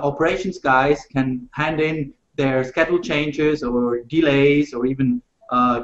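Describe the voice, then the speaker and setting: A Swiss man who works in the rail industry speaks on a panel held over video call. His medium-pitched voice is measured but halting, full of "uh" fillers and restarts. The call audio sounds muffled and roomy.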